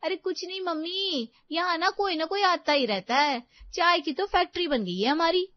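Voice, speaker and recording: A woman voicing a cheeky, scheming young daughter-in-law who is loud and talks back. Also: high-pitched, lively intonation, moderate pace, no room sound, voice pushed up. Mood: sassy. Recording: dull dry lo-fi recording.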